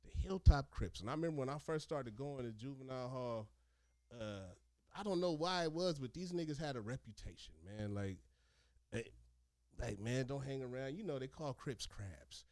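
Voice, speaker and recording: A man telling stories casually in animated, profane street slang, talking like a streetwise former inmate. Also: mid-range voice, normal speed, dry recording, studio quality. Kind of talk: casual storytelling chat.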